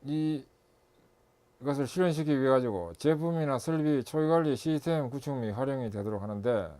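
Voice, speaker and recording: A man's voice: medium pitch, a little fast, dark tone. A middle-aged man lecturing as an instructor and consultant, listing steps methodically and correcting himself as he goes.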